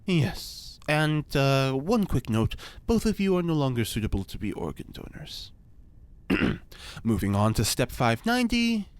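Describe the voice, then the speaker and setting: In an audio fiction podcast, an actor plays an eccentric, pompous mad scientist who also leads cult-style rituals. His medium-pitched voice is very animated yet unhurried, and he speaks in a grandiose, pedantic way.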